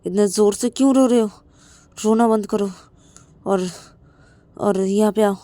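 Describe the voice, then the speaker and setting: A woman's voice: mid-range voice, mellow, no echo, natural voice. A woman voicing a domineering, threatening young male lover who gives harsh orders. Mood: menacing. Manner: harsh, menacing, rapid-fire demands.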